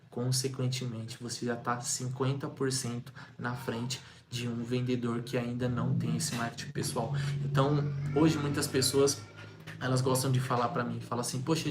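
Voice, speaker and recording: Energetic young man coaching. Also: medium pitch, noisy background. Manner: energetic, repetitive, rhetorical questions. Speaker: sales coach. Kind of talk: motivational talk to camera.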